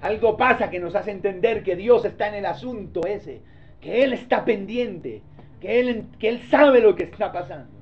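A male pastor preaching a sermon, swinging from loud exhortation to hushed asides. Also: sits high, moderate pace. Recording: dull lo-fi sermon recording.

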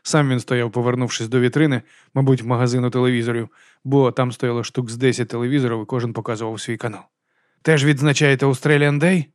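Calm male audiobook narrator, dry sound. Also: mid-range voice, quick pace, no echo. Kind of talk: scripted narration.

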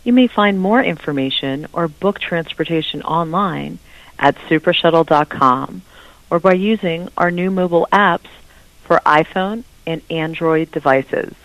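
A recorded phone menu message played over a phone line, reading options in slow, evenly spaced prompts. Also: medium pitch, fairly bright tone, dry recording.

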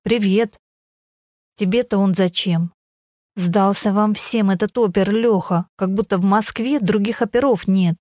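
A woman's voice: mid-range voice, unhurried, a little mellow, dry recording, studio quality, close to an everyday voice. A woman voicing a curt, irritated woman answering a phone call, in an audiobook.

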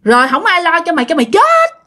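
A woman's voice: huge pitch swings, quick pace, exaggerated voice. A woman doing a furious old ghost man. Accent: Southern Vietnamese. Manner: shouting threats, high and strained. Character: angry ghost of old great-grandfather, fierce.

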